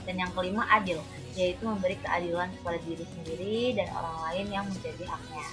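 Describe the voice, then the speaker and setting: A student woman reads a scripted narration, reciting lists in an even, steady cadence. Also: lowish voice, quick pace. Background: background music.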